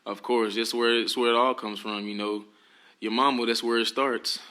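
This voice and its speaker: A teenage high school football player answering interview questions politely and earnestly. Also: male voice, fairly even intonation, moderate pace, sharp tone. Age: teens.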